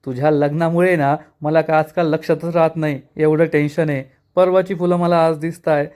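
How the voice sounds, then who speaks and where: A man's voice: fairly high pitch, little pitch movement, moderate pace, darkish tone, smooth, close to an everyday voice. A man voicing a scolding, suspicious middle-aged aunt.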